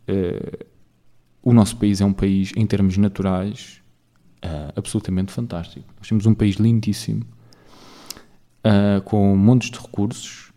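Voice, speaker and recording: A man's voice: lowish voice, warm tone. A man from Portugal with a European Portuguese accent, hosting his own solo podcast in a casual rambling monologue full of fillers and tag questions. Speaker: podcast host.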